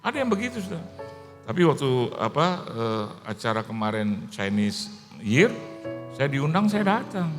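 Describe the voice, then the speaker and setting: A man's voice: medium pitch, a little slow. An older male pastor preaching in a storytelling way, acting out the voices of people in his anecdotes. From Indonesia. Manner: animated, acts out voices of people in his stories. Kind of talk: storytelling sermon. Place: church hall. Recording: live church recording with long reverb and faint music.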